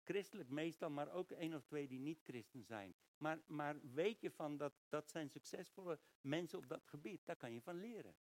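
Male preacher, sermon, reads verses then explains, casual, restarts often, fairly high voice. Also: low-quality recording. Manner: searches for words, with frequent restarts. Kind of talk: sermon with Bible reading.

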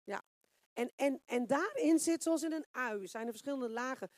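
A woman preacher with a fairly high voice gives a loose, conversational sermon. She asks her listeners rhetorical questions and hunts for words out loud with plenty of fillers. The sound is dry and close, with no room echo. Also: expressive, normal speed. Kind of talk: informal sermon.

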